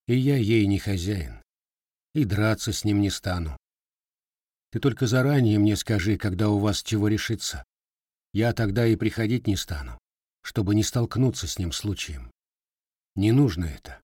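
A man's voice: fairly low pitch, animated, normal speed, long pauses, darkish tone, breathy edge, dry recording, clean studio sound. A man voicing a guarded, scarred young Cossack with plain, blunt village speech.

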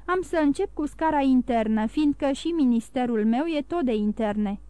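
A woman's voice: high-pitched, lively intonation, dark tone, clean tone, no room sound. A woman reading the lines of a commanding gendarme corporal in an audiobook. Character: bossy, joking gendarme corporal, a man.

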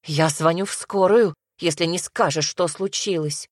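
A woman voicing a worried mother who frets and laments softly. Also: fairly low pitch, moderate pace, dry recording, clean studio sound, close to an everyday voice. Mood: fretful. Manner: fretful, lamenting, hushed.

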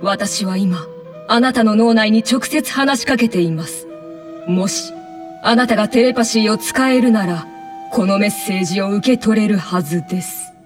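女性声優が演じる、思い込みが激しく強引な十代の女子部長。厳かな語りと大げさな叫びを行き来するアニメの芝居。. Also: female voice, mid-range voice, normal speed, recorded from a distance, faint music behind, lightly acted. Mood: solemn, probing. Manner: solemn intoning that breaks into loud, indignant outbursts. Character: bossy, excitable teenage girl club president, obsessed with telepathy. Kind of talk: anime voice acting.

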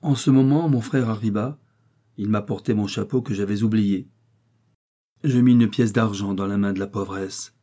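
A man reading a nineteenth-century novel aloud as an audiobook, in a measured, even narration. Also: fairly low pitch. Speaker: audiobook reader.

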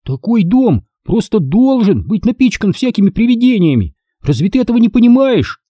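Guy doing a jumpy little kid who swears there's ghosts, high squeaky voice, husky and warm, eager whispery. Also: very animated, moderate pace, no echo, full character voice. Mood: insistent. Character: timid, excitable little boy who believes in ghosts.

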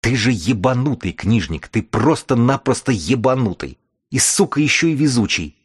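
A man's voice: deep voice, a little fast. A man voicing a vicious, wounded male raider chief who snarls and swears with spite. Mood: enraged.

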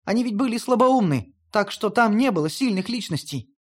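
A reader voicing a proud, haughty female goddess of death in an audiobook, speaking high and pleading. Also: expressive, brisk, close to an everyday voice. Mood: insistent. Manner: lofty, pleading, high-pitched.

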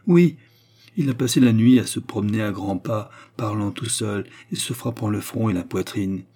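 A male reader voicing a gentle, despairing young woman who pleads and tells of her grief through tears. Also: on the low side, normal speed, close to an everyday voice. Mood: anguished. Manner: pleading, tearful.

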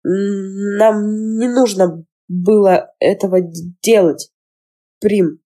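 A shaken teenage boy, voiced by a woman narrator, stammers heavily, dragging out slow, broken words. His voice is mellow and dark, in a fantasy storybook reading. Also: mid-range voice, steady tone, close to an everyday voice. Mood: shaken, halting. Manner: heavy stutter, slow and halting.

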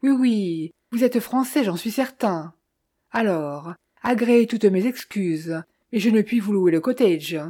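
Woman reading a gracious smiling clergyman, audiobook, mellow tone. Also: medium pitch, lively intonation, a little slow. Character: genial English male clergyman, suave landlord.

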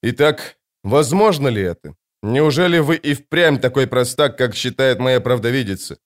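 A man's voice: mid-range voice, expressive, normal speed, lightly acted. A man voicing a middle-aged emperor who speaks in a cold, commanding, sardonic way.

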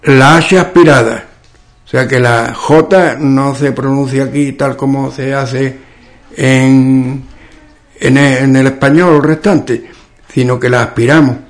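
A man with a western Andalusian accent speaks at an unhurried, deliberate pace, in a pitch neither high nor low. He explains things patiently and often stops to reach for an example. He sounds like a local expert answering an interviewer's questions. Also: fairly even intonation. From Ubrique, Andalusia, Spain. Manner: slow and explanatory, often pauses with "¿qué digo yo?". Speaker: author and local dialect expert.

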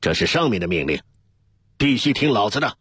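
A man's voice: lowish voice, sing-song, a little fast, fairly bright tone, breathy edge, no room sound, clean studio sound, full character voice. A man voicing a big, stubborn squad captain giving orders, in a read-aloud radio story. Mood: commanding. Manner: commanding, stern.

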